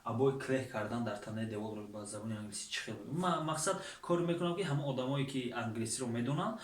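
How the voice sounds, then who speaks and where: Male English tutor, Tajik accent, patient filler-heavy delivery, distant roomy sound. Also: mid-range voice. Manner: plain, patient explanations with frequent fillers. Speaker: English teacher. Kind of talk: teaching an online course. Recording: echoey room from far off.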